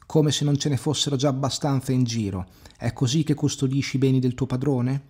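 A husky-voiced man voicing an arrogant, cruel young male suitor who shouts threats. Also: medium pitch, fairly even intonation, brisk, pitched above the performer's own voice, close to an everyday voice. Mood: furious.

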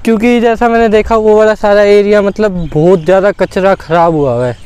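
A young Indian man in his 20s, a travel vlogger, chats casually to viewers while walking around an open fort ruin outdoors, calling them "brother" in a colloquial, informal way. His voice sits high, with a brisk pace and a darkish tone. A clip-on lapel mic captures him clearly over the outdoor background noise.

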